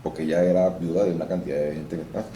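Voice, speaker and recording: This is a fast-talking Venezuelan man with a very deep voice, an actor and voice-over artist being casually interviewed. He explains things at length, restarting at times, with lively storytelling. Audio comes from a roomy room with faint noise.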